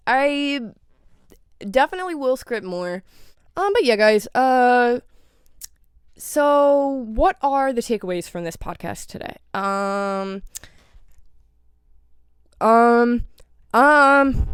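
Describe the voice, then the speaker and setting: A woman's voice: fairly high pitch, clear, resonant tone, no echo. A young woman hosting a casual solo podcast, rambling in a playful way and swearing freely. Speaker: podcast host.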